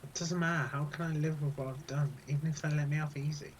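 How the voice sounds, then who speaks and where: A young man reading the lines of a guilt-ridden sixteen-year-old boy in a quiet, halting, despairing way, with game music behind. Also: a little high, fairly even intonation, a little hiss or hum, close to an everyday voice, rough recording. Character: troubled teenage boy full of guilt.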